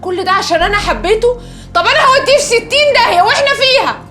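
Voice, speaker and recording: A woman's voice: expressive, very fast, sharp tone, soft background music, exaggerated voice. An actress playing a jilted, hot-tempered young woman with an Egyptian Arabic accent, making threats. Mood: vengeful. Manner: threatening, shrill.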